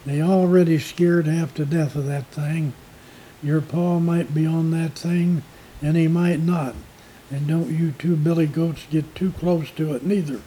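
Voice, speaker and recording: A man voicing a rough rural farmhand scolding two boys in a slow country drawl. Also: a little high, fairly even intonation, warm tone, a little hiss or hum, close to an everyday voice, rough recording. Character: rough gruff male farmhand minding boys.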